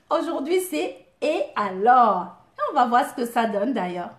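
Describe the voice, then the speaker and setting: A woman's voice: high voice, big pitch swings, moderate pace, roomy sound, slight background noise. A woman with an African French accent hosts a casual live video as a coach, chatting to viewers by name, laughing and poking fun at herself. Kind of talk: casual live stream chat.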